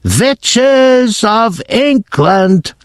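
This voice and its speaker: A man reading aloud and voicing a tyrannical female witch leader who screams slowly in stiff, clipped phrasing. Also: very high-pitched, lively intonation, no echo, studio quality, voice pushed up, heavily acted. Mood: furious. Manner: slow, screaming, clipped foreign-sounding syntax.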